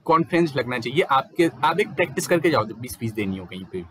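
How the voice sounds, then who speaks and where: A young man giving a casual, fluent lecture as a teacher, explaining quickly and mixing in English terms. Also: medium pitch, sing-song, slight background noise.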